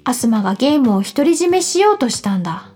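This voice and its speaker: A woman's voice: on the high side, big pitch swings, quick pace, a little mellow, breathy edge, faint music behind. A woman voicing a protesting young boy in a storybook. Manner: protesting, defensive.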